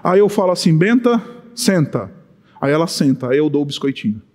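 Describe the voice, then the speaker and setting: A man with a Brazilian Portuguese accent preaching a sermon, impassioned and rising to shouts on key points. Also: on the high side, animated, fast talker, big-room sound. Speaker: pastor.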